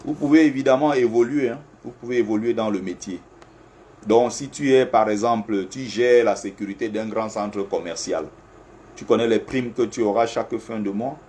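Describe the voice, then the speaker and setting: A man's voice: lowish voice, moderate pace. A man, a security agent, talking casually and animatedly to viewers from an office. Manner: animated, repetitive, addresses viewers directly. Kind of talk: casual talk to camera. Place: air-conditioned office.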